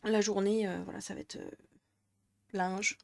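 Woman, northern French accent, casual rambling vlog chat, mid pitch. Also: flat delivery, a little slow, gravelly, no room sound. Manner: rambling, chatty, many fillers. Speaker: crafting vlogger.

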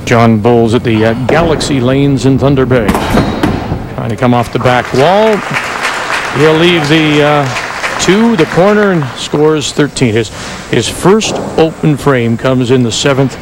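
A man's voice: medium pitch, unhurried. A man doing play-by-play commentary for televised bowling, conversational and full of asides. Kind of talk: sports commentary. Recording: TV broadcast with crowd and noise.

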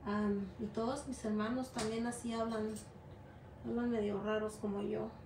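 A middle-aged Mexican-American woman from the US runs a casual, hands-on gelatin art class at an indoor work table, chatting ramblingly in Spanish with many fillers and English words. Her voice is on the high side, with little pitch movement and a moderate pace. The room is echoey with faint ambience and a noisy background.

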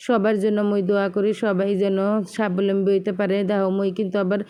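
A woman vlogger with a Barishal Bengali accent rattles along quickly, talking straight to her viewers in casual chat. Her voice is smooth and clear, and her pitch stays fairly level. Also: flat delivery, mellow. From Bangladesh. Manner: chatty, addresses viewers directly. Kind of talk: casual home vlog chat.

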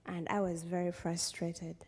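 Her voice low, husky and a little mellow, a young college student from western Uganda speaks slightly slowly and completely flat, yet earnestly and emphatically, about personal matters from a podium on a big hall's stage. She has a Ugandan accent, and the podium PA adds long reverb.

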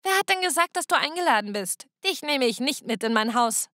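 A spoiled, bossy teenage girl in an animated storytime video, put on by a woman narrator. Her voice sits high and bright, with clipped, clear, dry delivery. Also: brisk, no echo. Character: spoiled teenage girl, scheming twin sister.

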